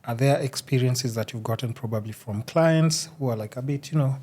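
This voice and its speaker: An interview host with a Kenyan East African accent speaks at a middling pitch. The talk is casual and informal, with loosely phrased questions and asides. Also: fairly quick, darkish tone, husky.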